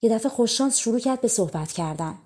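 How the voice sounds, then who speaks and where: A woman narrating an audiobook fairy tale in a gentle, colloquial storytelling manner. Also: fairly high pitch, expressive.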